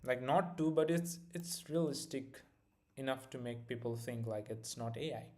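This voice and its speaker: Here an easygoing young man with an Indian accent hosts a live stream, mixing casual talk with a product demo. His voice is medium-pitched, steady and somewhat dark, at normal speed, and he speaks loosely, heavy on fillers and restarts.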